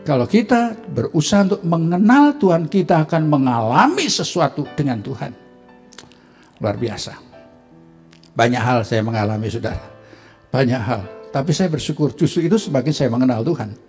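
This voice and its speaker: A middle-aged Indonesian-accented man preaches in a fairly high voice and tells his story as a pastor. He acts out the conversations in it, and his pitch jumps up when he does. Soft instrumental music plays faintly behind him. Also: lively intonation, moderate pace. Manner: storytelling, acts out dialogue with rising pitch, laughs. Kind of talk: sermon with personal story.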